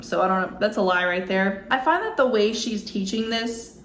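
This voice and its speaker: A woman gives casual, skeptical commentary straight into her phone. The sound bounces around a bare, echoey room with a faint hiss underneath. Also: mid-range voice. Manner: wry, skeptical, chatty. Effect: recorded on a phone. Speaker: YouTube commentator reacting to a clip. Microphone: phone mic.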